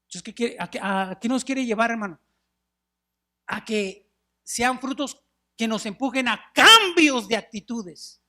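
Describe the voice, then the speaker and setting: Male pastor, middle-aged, animated sermon storyteller with a bright tone. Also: extremely high pitch, measured pace. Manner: animated storytelling, acts out wailing mourners; addresses listeners as brothers, drops in English words. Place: church sanctuary.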